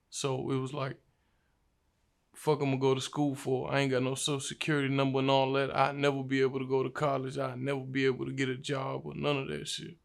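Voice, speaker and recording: A man's voice: mid-range voice, vocal fry. A young man from Virginia, a rapper, telling his life story in a casual, slangy interview. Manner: laid-back, slangy storytelling.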